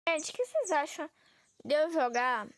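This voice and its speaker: Chatty high-voiced Brazilian girl gamer. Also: big pitch swings, moderate pace, a little hiss or hum. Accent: Brazilian Portuguese. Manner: chatty, addresses viewers often. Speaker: gaming vlogger. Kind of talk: casual gameplay chat. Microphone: phone recording.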